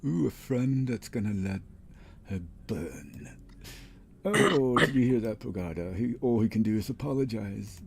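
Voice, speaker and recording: A man's voice: lowish voice, big pitch swings, vocal fry, slightly rough, pitched above the performer's own voice, exaggerated voice. A man voicing a gloating devil in a tabletop game, drawing out his words with smug mockery. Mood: taunting. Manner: drawn-out, mocking, smug. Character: gloating, taunting male devil who relishes suffering.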